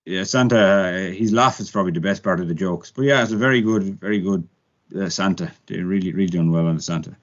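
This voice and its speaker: A man's voice: low-pitched, fast, dull audio. Chatty Irish man co-hosting. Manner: chatty, with frequent ums and restarts. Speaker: podcast co-host. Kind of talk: casual chat.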